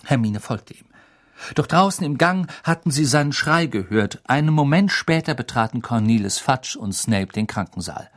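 A man narrating an audiobook in an expressive, lively storytelling style. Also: medium pitch, normal speed. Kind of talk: scripted narration.

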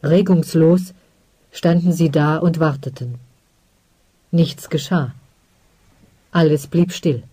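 Brief: calm audiobook narrator, slow and measured, mellow tone, dry close recording. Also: mid-range voice, slightly rough, dry recording. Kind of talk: scripted narration.

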